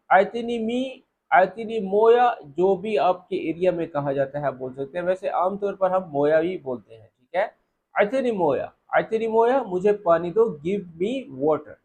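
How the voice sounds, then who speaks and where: A man teaching spoken Arabic phrases, saying each phrase slowly and more than once before explaining it. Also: sits high, darkish tone. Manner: repeats phrases slowly and drawn out, then explains. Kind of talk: spoken language lesson.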